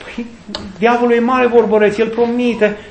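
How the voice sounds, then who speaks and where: A man's voice: high-pitched, expressive, a little mellow. A man giving an informal sermon in a conversational way, acting out quoted voices with humor. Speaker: preacher. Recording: echoey room with faint noise.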